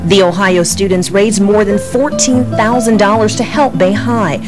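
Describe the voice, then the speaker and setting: A woman's voice: mid-range voice, fairly even intonation, normal speed. A woman TV reporter reading scripted narration for a news feature story. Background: loud music.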